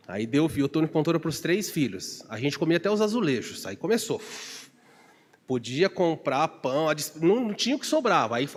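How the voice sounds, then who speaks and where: Storytelling pastor with hall reverb. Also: male voice. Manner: storytelling with digressions and humor; acts out shouted calls with big pitch jumps. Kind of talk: Bible study sermon. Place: church.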